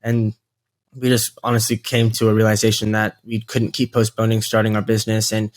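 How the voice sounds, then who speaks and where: A man's voice: on the low side, completely flat delivery, a little fast. A twenty-year-old American man, a podcast guest telling his story fluently and earnestly. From United States. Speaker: guest, real estate investor. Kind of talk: interview storytelling.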